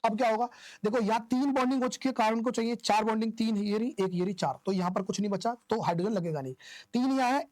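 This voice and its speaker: A man's voice: high-pitched, quick pace, a little mellow, dry recording. A male teacher giving a classroom-style lecture. He asks questions, answers them himself and repeats the key terms in an informal, coaxing way.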